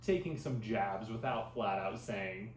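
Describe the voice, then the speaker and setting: A man co-hosting a podcast, casually recapping a sitcom episode in a rambling, animated way full of filler words. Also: fairly low pitch, a little slow. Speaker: podcast co-host. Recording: echoey room with faint ambient noise.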